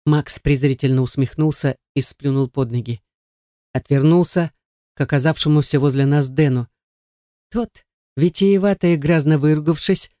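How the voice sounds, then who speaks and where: Man reading a novel aloud, slightly high pitch, dry sound, tense dramatic delivery. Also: mellow, no echo. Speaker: audiobook narrator. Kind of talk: scripted narration of a first-person novel.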